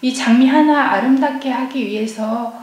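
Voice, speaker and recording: A woman's voice: sits high, normal speed. Earnest woman's church testimony, echoey hall. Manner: earnest, often dropping to a hushed, near-whispered voice. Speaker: church deaconess giving testimony. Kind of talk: personal testimony at a church seminar.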